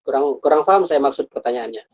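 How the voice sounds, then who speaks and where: A man's voice: mid-range voice, lively intonation, fast, highs cut off. A man teaching a Quran recitation class online, explaining patiently, repeating points and asking rhetorical questions.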